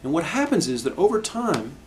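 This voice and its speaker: A middle-aged man teaching a harmonica lesson, explaining in a calm, reflective way with frequent restarts. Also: on the high side, fairly quick, background noise. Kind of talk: instructional video lesson.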